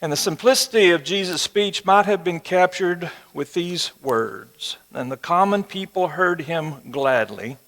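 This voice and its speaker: An older man with a West Texas twang gives a Bible lesson in a folksy, conversational style. His voice is gravelly and creaky, and it rings through a reverberant hall. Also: a little high, fairly bright tone. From West Texas, United States. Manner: folksy, conversational, with rhetorical check-in questions. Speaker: Bible teacher. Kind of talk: sermon-like Bible lesson to an audience. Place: large room or auditorium with a live audience. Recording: reverberant hall, amplified speech.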